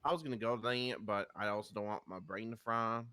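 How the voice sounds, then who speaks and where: A man playing a friendly, fatherly police officer in a roleplay game, with an easygoing manner. His tone is bright and forward. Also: lowish voice, fast talker, clean tone. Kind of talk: casual roleplay chat.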